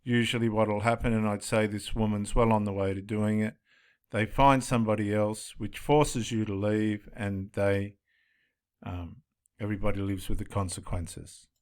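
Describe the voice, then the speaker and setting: A man's voice: on the low side, fairly even intonation, normal speed, a little mellow. A man commenting on police footage, stressing points by repeating his phrases. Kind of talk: video commentary.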